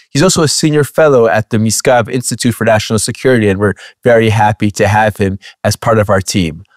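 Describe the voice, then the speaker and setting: A man's voice: lowish voice, no room sound. A man co-hosting a podcast, chatting casually with fillers and restarts, then introducing the show and a guest. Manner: conversational, with frequent fillers and restarts. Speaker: podcast co-host.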